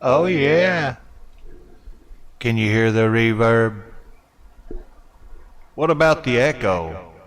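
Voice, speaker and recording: A man's voice: medium pitch, animated, slow pace, long pauses. A cheerful, joking man streaming casually, his voice run through a big hall echo and reverb effect. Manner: cheerful, rambling, jokey. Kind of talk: casual live-stream chat. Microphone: streaming mic with added reverb.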